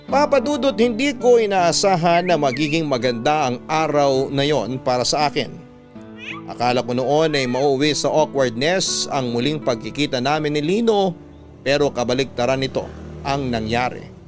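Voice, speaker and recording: Speaking with a Filipino accent, a man reads a young woman's love letter as scripted radio narration. His medium-pitched delivery is measured, heartfelt and lightly acted.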